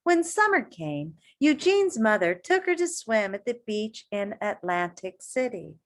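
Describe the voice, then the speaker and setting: A woman teacher with a slightly high voice reads a picture book aloud to children expressively, pausing to ask her young listeners questions.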